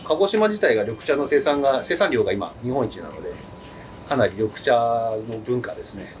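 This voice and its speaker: Lively izakaya owner from Kagoshima. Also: male voice, medium pitch, fairly quick. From Kagoshima, Japan. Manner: lively, eager explanations with frequent fillers. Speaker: restaurant owner. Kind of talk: explaining dishes and drinks to a camera crew. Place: busy small izakaya, indoors.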